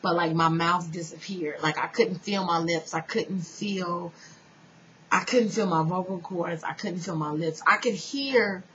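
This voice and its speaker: A woman giving an earnest personal spiritual testimony, speaking straight to her listeners and dropping now and then to a soft whisper. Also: fairly low pitch, a little slow. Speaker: spiritual storyteller. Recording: dull lo-fi sound with faint noise.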